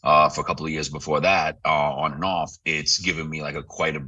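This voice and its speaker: Fast-talking deep-voiced man, distant mic. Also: level tone, bright, forceful tone, husky, dull audio. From Romania. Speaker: real estate broker, guest. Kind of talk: casual interview talk.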